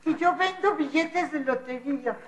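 A man's voice: extremely high pitch, moderate pace, fairly bright tone, a little hiss or hum. An actor playing a tearful, literal-minded orphan boy who sells lottery tickets, heard on an old TV recording. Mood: childish.

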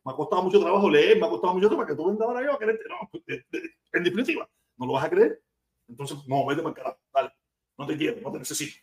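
A man's voice: sits high, big pitch swings, very fast. A man from Cuba with a Cuban accent, ranting bluntly and profanely on a casual live stream.

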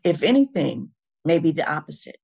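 Speaking as an interview guest, a woman offers reflective, motivational and spiritual thoughts, emphatic and full of repetition and rhetorical questions. Her low, dark voice is husky and creaky, with a sing-song lilt at a normal speed.

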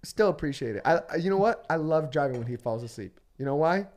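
A man chatting casually on a podcast, earnest about thanks and animated when telling stories about friends. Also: fairly high pitch, fast. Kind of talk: casual chat.

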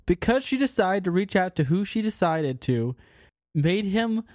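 A man co-hosting a casual podcast, reacting loudly and swearing with amusement as a story is told to him. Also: sits high, normal speed, dry recording, clean studio sound. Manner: animated, laughing, swearing reactions.

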